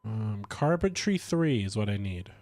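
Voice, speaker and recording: A man chatting casually while streaming a game, stuffy from a cold, rambling with lively swings in pitch. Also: measured pace, no room sound. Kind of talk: casual gameplay commentary.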